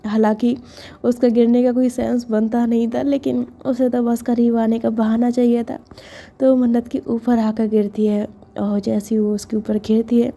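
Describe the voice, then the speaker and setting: Woman chatting through a love story, higher voice, very mellow and flat. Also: moderate pace, vocal fry. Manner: chatty, intimate retelling with many fillers. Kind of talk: casual romance story narration.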